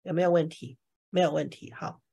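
A woman's voice: deep voice, fairly even intonation, brisk, vocal fry, dark tone, breathy edge. A woman teacher explaining English words to a class, often stopping to ask if anyone has questions. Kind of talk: classroom vocabulary lesson.

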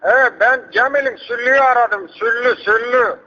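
High-pitched hard-of-hearing old uncle, acted by a man. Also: normal speed, sharp tone. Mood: rambling, insistent. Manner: repetitive, rambling, asks people to speak up. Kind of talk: prank phone call. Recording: dull lo-fi phone prank recording.

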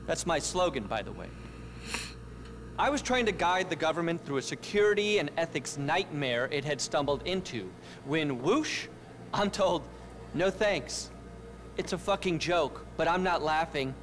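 Video game tech mogul: middle-aged man, high voice, wildly animated, pompous and manic. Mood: boastful, indignant. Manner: pompous, self-important, keynote-speech delivery. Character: arrogant, manic middle-aged male tech billionaire genius.

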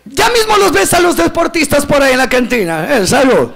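A male comic with an Ecuadorian Spanish accent works a crowd at an outdoor show. His voice sits high and swoops all over the place, and it carries a gravelly, fried edge. He delivers quick setups and then drops low for each punchline. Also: big pitch swings, fairly bright tone. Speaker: stand-up comedian. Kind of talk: stand-up comedy routine. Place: outdoor event stage.

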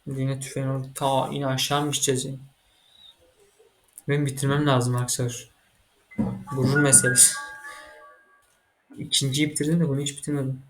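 A man giving casual let's-play commentary as he plays a computer game, excitable and quick to get frustrated, swearing at the game. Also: medium pitch, faint music behind. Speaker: gaming channel host.

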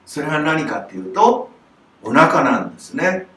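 A man's voice: a little high, animated, normal speed, bright, forceful tone, distant mic. An older Japanese man, a music teacher, giving a lesson to camera and acting out sounds with strong breath. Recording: roomy echo, voice from off the mic, faint noise.

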